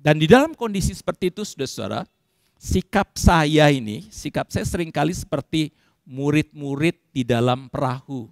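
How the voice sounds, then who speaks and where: High, gravelly male preacher. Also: lively intonation, moderate pace, no echo, clean studio sound. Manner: addresses the congregation directly, swings between loud outbursts and quiet asides. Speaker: pastor. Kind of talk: sermon. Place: church service.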